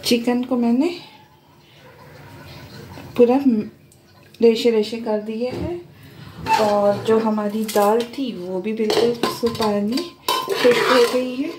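A woman hosting a home cooking tutorial, calmly explaining each step as she goes. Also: on the high side, takes it slowly, pauses often, noisy background. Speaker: cooking channel host. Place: home kitchen.

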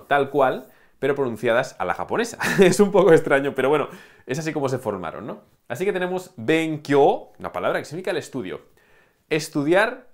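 A man teaching a language lesson, his pitch rising and falling a lot as he talks. He keeps checking in with the listener and chuckles often. His voice sits at a middle pitch. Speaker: Japanese teacher. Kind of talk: lively classroom explanation.

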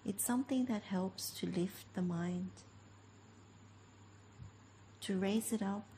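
Short, unhurried phrases and long silences mark this guided meditation, led gently by a woman teacher speaking slow instructions. Her voice is mid-range, and a faint hiss or hum sits underneath.

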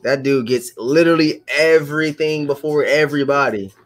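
Young guy in his 20s on a video call, slightly high voice, slangy, lots of ums. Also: moderate pace. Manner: loose, slangy, hesitant with fillers. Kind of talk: casual group chat on a video call.

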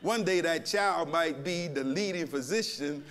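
A man's voice: a little high, measured pace, fairly bright tone. A older man preaching a sermon as pastor, sliding into a sung, whooping cadence and calling out to the congregation.

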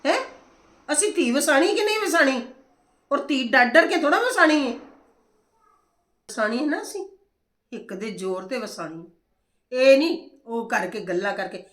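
Brief: woman as a confident, bossy older sister-in-law, higher voice, forceful and soothing, roomy echo. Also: lively intonation, unhurried, long pauses. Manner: forceful and reassuring, talks down fears. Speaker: elder sister-in-law in a family drama. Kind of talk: amateur family drama acting.

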